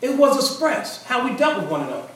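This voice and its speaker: A man's voice: extremely high pitch, big pitch swings, fast talker, fairly bright tone. A middle-aged man preaching a sermon to a congregation in a conversational way, often repeating and restarting phrases. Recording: echoey hall, far mic, congregation.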